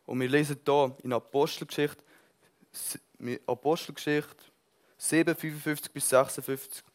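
Guy preaching, fired up, goes loud then quiet, throws in english words. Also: a little high, fairly even intonation, moderate pace. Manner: passionate, swings between loud bursts and soft intensity. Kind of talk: sermon.

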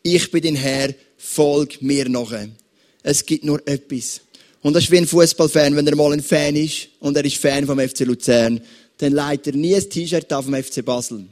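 A man with a Swiss German accent, preaching a sermon as pastor and addressing his listeners with lively examples. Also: fairly high pitch, moderate pace.

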